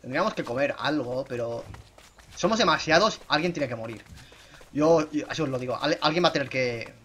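This gaming YouTuber, a young man at a desk microphone, narrates his play in a brisk, chatty, self-mocking way. He breaks into excited high-pitched shouts at times, over slight background noise.

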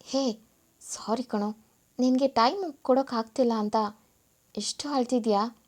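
A woman reading a story voices a young husband who softly coaxes his wife. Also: on the high side, unhurried. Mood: tender. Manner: soft, coaxing. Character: young husband, tender and coaxing.

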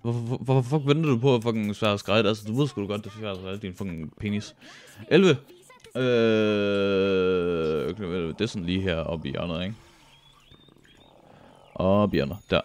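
A young man with a Danish accent, commentating a speedrun live, excitable and joking with frequent swearing. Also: fairly low pitch, pauses often, soft background music. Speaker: streamer.

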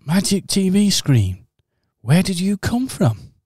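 An earnest, polite male teddy bear, played by a man, slightly bewildered, in a homemade radio pantomime. He speaks slowly with a lively, bouncing pitch, and the voice is close and dry on the mic. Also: breathy edge, no echo, full character voice.

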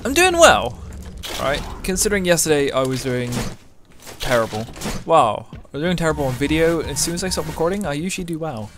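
A man's voice: a little high, fast, noisy background. A young man from England casually commenting on a shooter game he is playing, joking and swearing at opponents. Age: young adult. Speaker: gameplay commentator. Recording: loud gunfire from the game behind.

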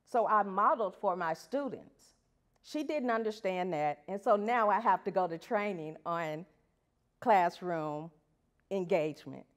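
A woman's voice: medium pitch, animated, a little slow. A woman teacher giving a prepared talk at an education event, earnest and putting rhetorical questions to the audience. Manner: reads from prepared pages. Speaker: elementary school teacher.

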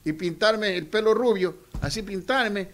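Forceful high-voiced man campaigning. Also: unhurried. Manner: forceful, theatrical, swells to shouting. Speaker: political candidate guest. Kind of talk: radio interview, campaign speech.

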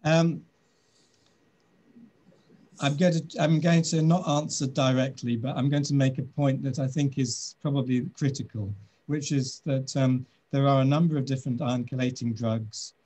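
British doctor in his sixties, video call from his office, husky and mellow, thoughtful with frequent ums. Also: medium pitch, fairly even intonation. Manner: measured, thoughtful, many "um"s. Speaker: doctor answering questions. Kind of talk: webinar Q&A.

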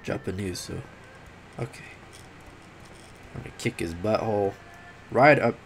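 A man hosting a gaming video, giving casual, excitable commentary with yelps and jokes about the game. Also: lowish voice, unhurried, slight background noise.

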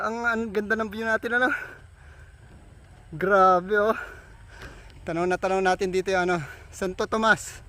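A man vlogging as he hikes a steep mountain trail, out of breath, exclaiming often and talking to his viewers. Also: sits high. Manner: excited, exclaims often, addresses viewers as trippers. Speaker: travel vlogger. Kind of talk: casual walking travel vlog. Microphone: handheld phone.

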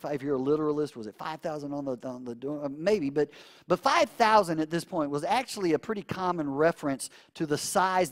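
A man pastor preaching a casual sermon, retelling a story and acting out the quotes in slangy everyday voices. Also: on the high side. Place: church.

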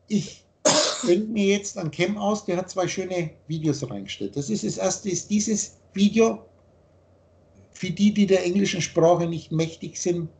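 A man with a high-pitched voice lectures over a video call. He speaks emphatically as a spiritual teacher. He often repeats and rephrases his points. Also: darkish tone. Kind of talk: explaining ideas in a video call.

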